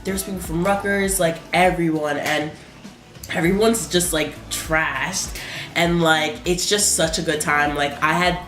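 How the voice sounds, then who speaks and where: A young woman chatting casually over breakfast with a friend, rambling and filling every pause with "like". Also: lowish voice, fairly even intonation, a bit bright, echoey room, soft background music. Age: young adult. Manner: rambling, heavy use of "like". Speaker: co-host. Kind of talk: casual chat while eating.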